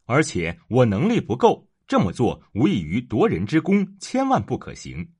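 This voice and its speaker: A man voicing a naive, timid young prince who speaks hesitantly and fretfully, in a husky voice. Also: medium pitch, wildly swooping pitch, normal speed, a little mellow.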